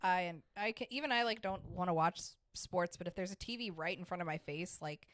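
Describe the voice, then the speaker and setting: A woman co-hosting a podcast, reading a story aloud in a plain, even way and adding short reactions. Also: lowish voice, a little fast. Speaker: podcast co-host.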